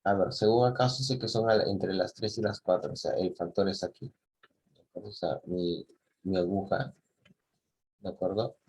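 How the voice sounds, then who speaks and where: A man's voice: sits low, fairly even intonation, normal speed, long pauses, darkish tone, slight background noise, poor audio. A man teaching a math lesson, patiently walking students through a clock-angle problem and often checking that they follow. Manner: patient, asks "¿sí?" and "¿de acuerdo?" often, restarts phrases.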